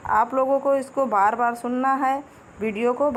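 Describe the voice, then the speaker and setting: A woman teaching young children an online Hindi lesson, patient, repeating words and chanting rhymes slowly. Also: sits high, fairly even intonation, a little hiss or hum. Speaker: primary school teacher.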